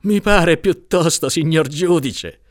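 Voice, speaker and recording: A man reading aloud, voicing a grim, stubborn man with a jinx reputation who speaks insistently with bitter, drawn-out emphasis. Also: a little high, pitched above the performer's own voice.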